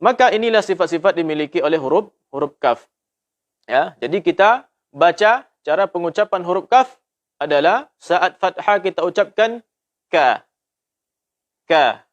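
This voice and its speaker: Ustadz type, indonesian man, slightly high voice, patient recitation teacher, dull lo-fi audio. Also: lively intonation. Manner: patient, repeats syllables slowly as examples. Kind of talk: tajwid lesson with drawn-out demonstrations.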